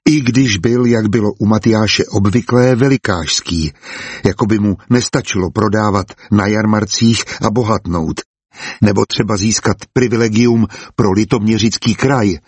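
A man narrating a historical novel in a calm, measured audiobook reading. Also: fairly low pitch, husky, dry recording.

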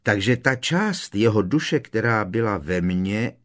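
A man's voice: fairly low pitch, lively intonation, fairly bright tone. A man voicing an earnest, bewildered teenage boy wizard in an audiobook, hesitant as he asks. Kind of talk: audiobook character voice.

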